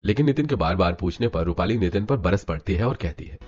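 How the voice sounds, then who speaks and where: A man narrating a scripted animated story in a brisk storytelling manner. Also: low voice. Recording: dull lo-fi with music.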